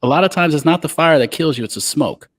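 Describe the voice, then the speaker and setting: A man hosting a leadership podcast, speaking in a halting way with frequent filler sounds. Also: fairly high pitch. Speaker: podcast host. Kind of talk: podcast talk.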